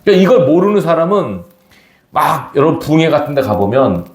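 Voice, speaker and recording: A man's voice: on the high side, very animated, a little fast. A middle-aged man preaching a sermon as pastor, questioning the congregation as he goes. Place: church sanctuary. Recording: echoey church hall.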